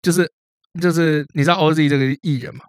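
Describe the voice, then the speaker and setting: A man's voice: fairly high pitch, steady tone, quick pace, smooth, dry recording, studio quality. A man co-hosting a podcast in casual, jokey chat, often slipping into silly voices. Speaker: podcast co-host.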